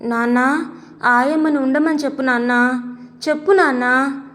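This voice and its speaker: A woman's voice: high voice, unhurried, a bit bright. A woman doing a crying little girl. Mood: tearful pleading. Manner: whiny, crying pleas. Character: little girl, tearful and pleading. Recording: long echoey reverb.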